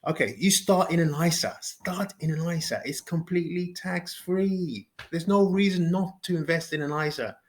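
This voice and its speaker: Guy teaching finance basics, kinda high voice, lots of "okay?" and restarts. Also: normal speed, hardly any pauses. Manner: repeats himself, says "okay?" after points. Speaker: finance educator. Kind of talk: informal explainer video.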